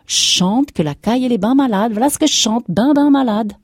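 A woman's voice: fairly low pitch, animated, moderate pace, mellow, no echo, clean studio sound. A woman reader voicing a worried peasant farmer who talks in a drawling country way. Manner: drawling rustic speech. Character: worried middle-aged peasant farmer, slow and glum.

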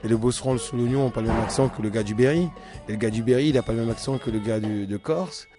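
A man's voice: mid-range voice, quick pace, music in the background. A man with a Cameroonian accent, who grew up in Cameroon, speaks reflectively as a musician in a documentary interview and repeats phrases for emphasis.

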